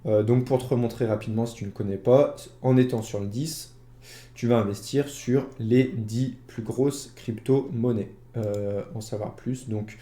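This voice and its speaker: A man's voice: mid-range voice, steady tone, measured pace, warm tone, echoey room. A man casually walking viewers through an investing platform, chatty and full of fillers. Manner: chatty, many fillers, addresses viewer directly. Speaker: investing YouTuber. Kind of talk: casual screen-share walkthrough.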